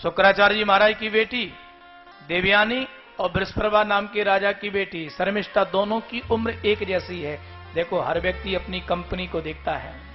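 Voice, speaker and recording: A man's voice: high-pitched, fairly even intonation, moderate pace. A man telling a scripture story at a live devotional gathering and calling out to his audience, in a dull lo-fi recording with faint music.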